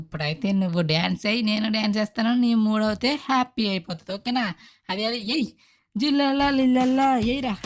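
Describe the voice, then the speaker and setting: A woman's voice: medium pitch, lightly acted. A woman voicing a caring, cheerful uncle who fusses over and coaxes an upset child. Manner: fast, fussing, coaxing. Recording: game music in background.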